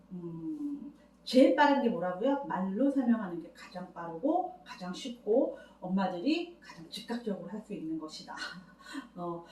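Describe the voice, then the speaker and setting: A woman in her forties, a counselor, speaks to parents in an earnest, questioning way and laughs often. Her voice is mellow and a little high. It sounds roomy and echoey, recorded from some distance from the mic. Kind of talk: community radio talk.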